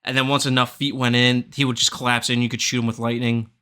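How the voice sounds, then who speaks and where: A man's voice: medium pitch, flat delivery, fast, bright, forceful tone. A man hosting a gaming podcast in casual chat, rambling and searching for words. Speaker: podcast host.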